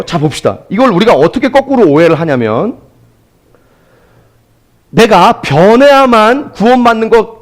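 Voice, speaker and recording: A man preaching a Sunday sermon as pastor, speaking directly to his congregation. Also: high-pitched.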